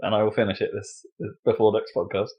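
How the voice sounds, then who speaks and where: A man's voice: lowish voice, little pitch movement, fast, highs cut off. A man chatting casually about video games as a podcast co-host, rambling with lots of fillers and laughs.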